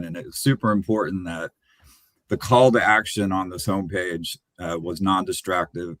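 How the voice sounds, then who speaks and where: A man, a web designer, explaining his work on a video call in a relaxed, hesitant way with many fillers. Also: deep voice, dry recording.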